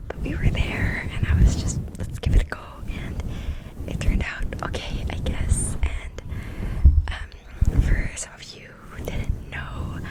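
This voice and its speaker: A young adult ASMR creator whispering a casual catch-up to the viewers, repeating trigger words over and over into a close, fluffy-covered mic. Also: poor audio. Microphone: sensitive mic with a fluffy cover.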